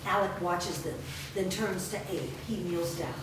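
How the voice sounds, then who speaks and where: A fairly low-pitched woman narrates a live staged reading, reading out the scripted stage directions at a measured pace. Her voice comes through a distant microphone in an echoey room, producing a far-away, very reverberant, noisy recording.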